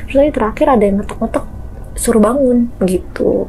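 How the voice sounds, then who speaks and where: A woman's voice: a little high, brisk, creaky, a little hiss or hum, low-quality recording. A young woman, casually telling a true ghost story as a guest, acting out knocks and voices. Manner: lively, acts out knocks and voices.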